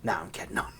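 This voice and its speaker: With a medium-pitched voice and a bit of background noise, a Scottish tech channel host gives a relaxed, hands-on tour of an old operating system. He rambles along, makes fun of himself and laughs frequently.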